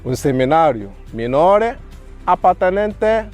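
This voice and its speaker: Man, priest, 30s, slightly high voice, very slow, earnest testimony. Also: sing-song, a little mellow, soft background music. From Nigeria. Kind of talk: reading a prepared testimony.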